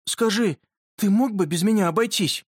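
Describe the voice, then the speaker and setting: A man voicing an excitable, earnest schoolboy who presses hard with questions and bursts into shouting. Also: high voice, normal speed, slightly rough, no room sound, clean studio sound, voice pushed up. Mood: insistent.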